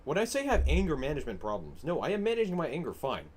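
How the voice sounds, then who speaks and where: A man's voice: fairly high pitch, wildly swooping pitch, fast, a little hiss or hum. Furious swearing young gamer man. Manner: angry, swearing, swings between shouting and muttering. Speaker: gaming streamer. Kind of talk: ranting gameplay commentary.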